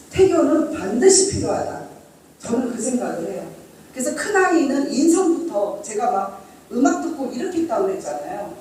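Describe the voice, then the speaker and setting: A woman's voice: sits high, a little mellow, heavy reverb, far from the mic, slight background noise, poor audio. A middle-aged woman reading from her parenting diary and chatting with an audience, asking them questions. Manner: reads diary entries aloud, then chats with listeners, asking them questions. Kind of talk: storytelling talk to an audience.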